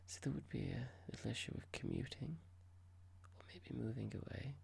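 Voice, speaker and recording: A performer playing a cold, smug corporate boss in a whispered ASMR roleplay, speaking slowly and deliberately with breathy creak and mock politeness. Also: medium pitch, darkish tone, exaggerated voice. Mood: cold, formal.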